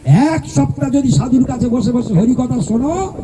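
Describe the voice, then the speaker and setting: A man's voice: very high voice, expressive, moderate pace. A male preacher giving a devotional sermon at a home gathering, asking the audience rhetorical questions and leading call-and-response. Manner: mimics relatives in quoted speech. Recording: faint background noise and clicks.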